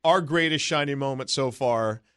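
A man hosting a podcast in casual chat, excitable and animated. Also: mid-range voice, normal speed, clear, resonant tone. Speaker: podcast host.

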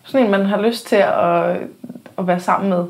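A woman hosting a podcast, talking candidly and with plenty of animation, swearing freely and acting out what people said. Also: medium pitch. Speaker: podcast host. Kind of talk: casual conversation. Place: podcast studio.

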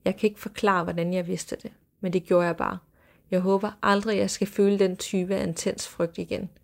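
A woman hosting a storytelling podcast reads eerie accounts aloud at a measured, hushed pace. Her voice sits at an ordinary pitch for a woman but carries a steady gravelly fry. At times she drops to a soft whisper. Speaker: podcast host.

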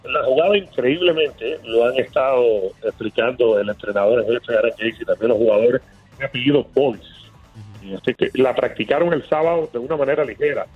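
A man's voice: medium pitch, fairly quick, slightly rough, soft background music. A man calling in as a team analyst, telling the story animatedly with many fillers and restarts. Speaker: team analyst, guest on phone. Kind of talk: excited phone interview. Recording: tinny phone line.

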